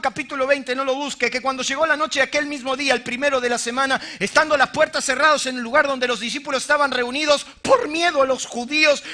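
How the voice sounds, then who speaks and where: A male preacher with a Rioplatense accent and a very high, piercing, sharp-edged voice. He preaches dramatically and cracks jokes, jumping between loud bursts and hushed, almost whispered lines. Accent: Rioplatense Spanish. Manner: dramatic, swings from loud outbursts to hushed murmurs, joking asides. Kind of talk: sermon.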